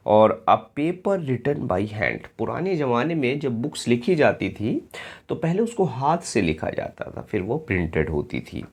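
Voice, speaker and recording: An Indian man leads an exam-prep English lesson at an unhurried pace, spelling each word out one letter at a time. His voice has a gravelly edge, and his pitch rises and falls with lively emphasis. He keeps checking in with his students to make sure they are following. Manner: slow and patient, often checks in with "clear friends?". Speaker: English teacher.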